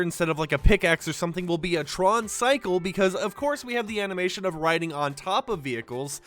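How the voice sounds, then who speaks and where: A young man with a high, fairly bright voice hosts a casual gaming news video. Sounding sleepy because he's recording early in the morning, he rambles chattily, leaning on lots of "like" and "basically."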